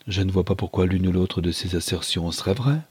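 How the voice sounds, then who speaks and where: A man voicing a gentle but firm young Englishwoman in a read-aloud novel, his husky voice lifted somewhat higher. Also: a little fast. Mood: gentle, pleading.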